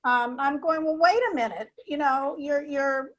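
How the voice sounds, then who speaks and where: An older woman with a high voice asks her question over a video call. She talks in a chatty, slightly exasperated way. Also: unhurried, rough recording. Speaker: audience member asking a question.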